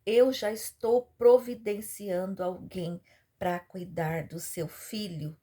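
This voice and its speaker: God speaks as an unbending judge, put on by a woman preacher in nearly her own voice. The words come slow and firm, with no room for bargaining. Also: medium pitch, steady tone, mellow, breathy edge. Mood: stern.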